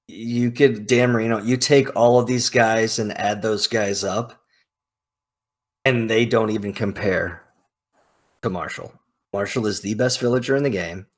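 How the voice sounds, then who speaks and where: A man with a lowish voice talks slowly as a video host ranking game characters. His casual, opinionated commentary is emphatic, hyperbolic, and full of informal slang as he thinks aloud.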